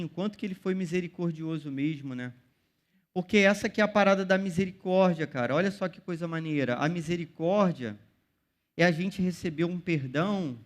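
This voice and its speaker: A young man with a Brazilian accent gives a sermon to teenagers. His voice sits high for a man, and he keeps it loose and chatty, dropping slang and calling the listeners "cara" as he goes. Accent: Brazilian Portuguese. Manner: casual slang-filled preaching, calls listeners "cara". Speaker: youth pastor. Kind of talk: youth sermon.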